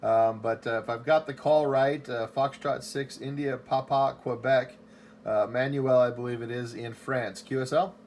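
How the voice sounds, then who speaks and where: A man at his home station working a ham radio call, calling CQ again and again and spelling call signs in phonetic alphabet. His voice sits mid-pitch, steady and repetitive, with a faint hiss of static behind him. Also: normal speed. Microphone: station microphone.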